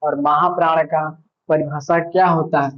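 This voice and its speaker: A man's voice: fairly high pitch, level tone, moderate pace, dull audio. A male teacher giving an online grammar lesson, patiently repeating points and asking himself questions.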